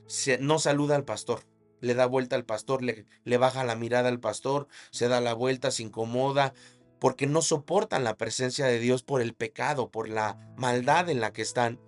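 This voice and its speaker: A male pastor preaching a sermon, telling a story with dramatic emphasis and shouted sound effects. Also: mid-range voice.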